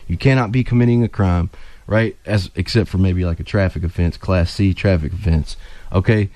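A man's voice: low voice, normal speed, a little mellow, no room sound. A man, an attorney guest on a call-in radio show, explaining self-defense law earnestly and repeating key points as he goes.

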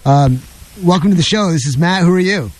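A man hosting a call-in radio show, talking in a quick, chatty, rambling way and taking callers. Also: a little high, dry recording.

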